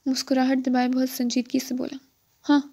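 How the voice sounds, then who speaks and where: A woman narrating a novel as an audiobook, in a steady storytelling read. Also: high-pitched.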